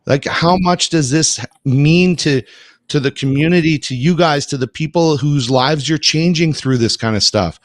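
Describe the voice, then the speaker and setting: A man's voice: a little high, moderate pace, dry recording. A man hosting a casual morning talk show, effusive and repetitive, openly getting emotional.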